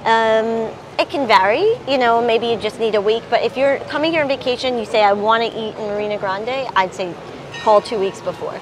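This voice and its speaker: A woman's voice: a little high, a little fast. A woman with a New York accent, chatting casually as a local guide giving tips outdoors. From Long Island, New York. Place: outdoors, evening streets and harbor overlook. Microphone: clip-on lavalier. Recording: noisy outdoor street ambience.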